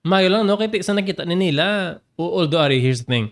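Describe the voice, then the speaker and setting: Animated male preacher. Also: a little fast. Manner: animated, laughs often, jumps up in pitch for emphasis. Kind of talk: Bible teaching.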